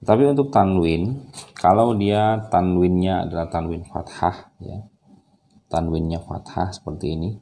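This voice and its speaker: Deep, dark-voiced Indonesian man, over-enunciating. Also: steady tone, unhurried, a little hiss or hum. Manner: over-enunciates, drawing out example syllables. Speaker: Quran reading teacher. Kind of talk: step-by-step recitation lesson.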